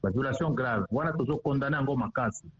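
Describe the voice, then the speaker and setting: Speaking quickly in a mid-range, fairly bright and slightly rough voice, this Congolese man explains matters as a provincial official in a news interview. He code-switches between Lingala and French. Faint music sits behind the muffled, dull lo-fi audio.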